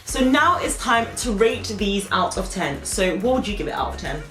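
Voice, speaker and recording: A young woman hosting a casual snack-tasting vlog, chatty and giggly, with bursts of quick talk. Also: mid-range voice, very animated. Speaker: vlog host. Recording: roomy room, faint background music.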